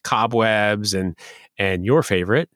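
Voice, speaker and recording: A man's voice: lowish voice, a little slow, a bit bright, dry recording, studio quality. A man co-hosting a podcast about running tabletop games, talking casually with many restarts and fillers. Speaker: podcast co-host, dungeon master.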